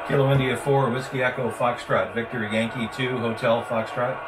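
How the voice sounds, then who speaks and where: Speaking at a normal speed with fairly even intonation, this medium-pitched man in his 60s offers relaxed explanations and radio call-outs. He's a ham radio operator who vlogs from a small indoor home office. His camera sits a little way off, so the mic is distant and the room sounds noisy.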